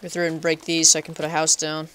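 A man's voice: on the high side, completely flat delivery, quick pace, pushed and bright, clear, resonant tone. A man giving casual, chatty let's play commentary, talking to himself playfully and making up goofy nicknames for animals. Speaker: gaming channel host.

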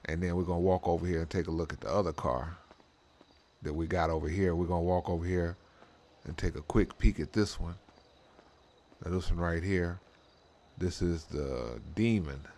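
Deep and a bit dark in tone, this channel host talks at normal speed but pauses a lot as he gives rambling, slang-filled commentary on drag racing role-play. He often says "you know what I'm saying," and background noise comes through clearly.

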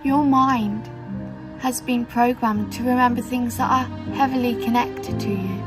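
A cool female interrogator in a film drama, played by a young woman. Her voice is fairly high and she delivers facts slowly and deliberately, in a formal manner. Music plays clearly behind her. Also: fairly even intonation, lightly acted. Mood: insistent, clinical. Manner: measured, deliberate, matter-of-fact.

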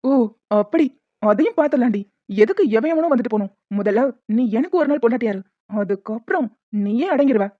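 A woman's voice: on the high side, animated, brisk, no room sound. A woman voicing a brutal male loan shark. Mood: menacing. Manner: threatening, bullying, crude. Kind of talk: cartoon voice dubbing. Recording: tinny phone-like, dry.

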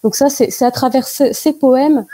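A young woman answering interview questions over a video call, explaining carefully with many pauses and fillers. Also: high voice, mellow, slight background noise, low-quality recording. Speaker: guest. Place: indoor room at home. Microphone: video call with wired earphone mic.

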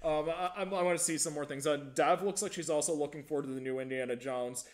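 A man's voice: fairly high pitch, fairly even intonation, fast talker. A man hosting a casual movie review podcast, rambling with frequent stammered restarts and easy laughter. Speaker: podcast host.

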